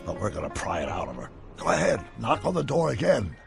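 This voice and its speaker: Gravelly, wildly animated old scientist. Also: male voice, on the low side, quick pace, faint music behind, full character voice. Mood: scheming, urgent. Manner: formal, precise, emphatic. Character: excitable eccentric old male scientist, erudite. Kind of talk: video game voice acting.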